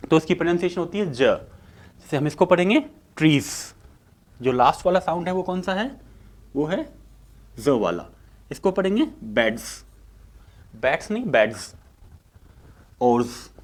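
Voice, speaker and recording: Hindi-accented male teacher, higher voice. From India. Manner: rhetorical questions answered himself, drawn-out sounds. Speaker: English teacher. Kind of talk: exam-prep lecture.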